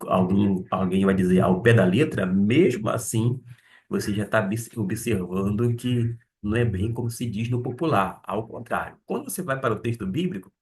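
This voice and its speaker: A man, his low voice moving at a very unhurried pace. He teaches a Bible Greek lesson, carefully repeating each word he explains. He sits a little back from the microphone. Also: darkish tone, recorded from a distance. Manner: deliberate, pausing to spell out and repeat Greek words.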